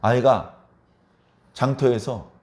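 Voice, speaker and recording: A man's voice: mid-range voice, fairly even intonation, slow, darkish tone. A middle-aged male pastor preaching a Sunday sermon in a church, pressing his listeners with repeated rhetorical questions. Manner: emphatic, keeps prodding listeners with rhetorical questions.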